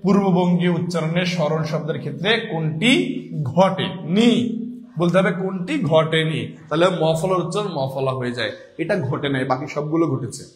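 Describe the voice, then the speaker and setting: A man's voice: on the high side, moderate pace. A man giving an online exam-prep lesson, explaining step by step and repeating the key answers. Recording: echoey room with long reverb.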